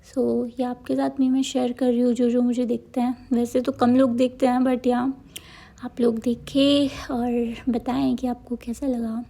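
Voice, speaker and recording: A young woman talks through her day for her vlog in a loose, chatty way. She rambles and keeps circling back with filler words. Her voice sits a little high. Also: little pitch movement, measured pace, vocal fry, dark tone. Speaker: vlogger. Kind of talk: casual vlog narration.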